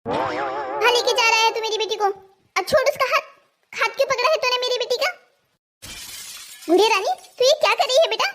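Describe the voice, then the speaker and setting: A woman's voice: extremely high pitch, moderate pace, pauses often, fairly bright tone, a little hiss or hum, pitched above the performer's own voice. A woman voicing a fussy, worried old grandmother in a cartoon story, scolding and alarmed. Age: older.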